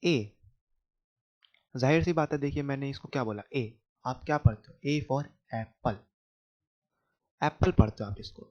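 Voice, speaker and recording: A man with an Indian accent teaching children letter sounds in a slow phonics lesson, explaining patiently and checking whether they understood. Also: medium pitch, darkish tone. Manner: explains patiently, asks questions back to kids. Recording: dull lo-fi home recording.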